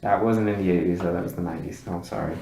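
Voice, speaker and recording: A man's voice: low-pitched, fairly even intonation, rapid-fire, dark tone. A man co-hosting a casual movie chat, dry and offhand, often trailing off into mumbles. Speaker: podcast co-host. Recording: echoey room with faint noise.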